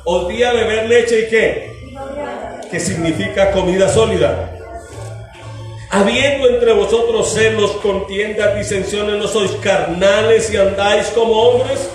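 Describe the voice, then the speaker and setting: A pastor preaches to his congregation in a fairly high voice, asking questions and acting out little scenes. He speaks slowly and deliberately. He is heard from a distance in a very echoey church hall, with music playing behind him. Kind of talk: sermon.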